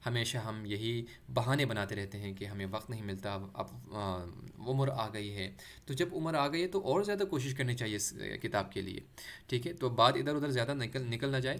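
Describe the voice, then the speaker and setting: A man teaching Quran recitation, explaining letters patiently and drawing out sounds slowly for practice. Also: medium pitch, fairly bright tone. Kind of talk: explanatory lesson with demonstrated pronunciation.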